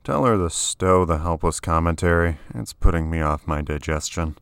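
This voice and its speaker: A man voicing a boastful, easygoing male rebel co-pilot in his own low voice. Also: moderate pace, creaky, smooth, no room sound. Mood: cocky.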